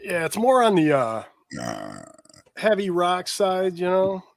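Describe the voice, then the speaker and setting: Man, casual chat, rambling, fillers, higher voice, showing records. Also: animated, slow pace, no echo, studio quality. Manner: laid-back, rambling, trails off with fillers. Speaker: record collector showing his finds. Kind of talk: casual chat among friends.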